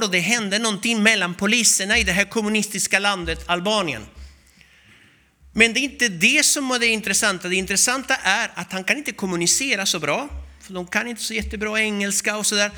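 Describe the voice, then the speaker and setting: A man preaching a sermon, telling a story with animated, acted-out voices. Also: high voice.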